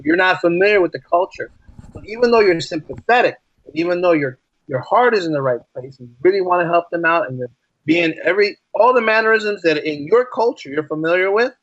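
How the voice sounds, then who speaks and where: A man with a slightly high, fairly bright voice speaks as an American podcast guest who works as a teacher. He is emphatic and conversational, repeating phrases for stress and posing rhetorical questions. The audio is slightly dull, with no room sound.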